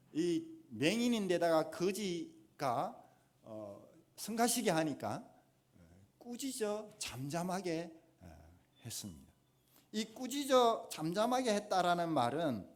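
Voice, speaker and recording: A pastor with a Gyeongsang accent delivers a sermon in a church. His voice sits high and swings widely in pitch. He presses each point with mounting emphasis. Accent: Gyeongsang Korean. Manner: emphatic, rising to forceful exhortation. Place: church sanctuary.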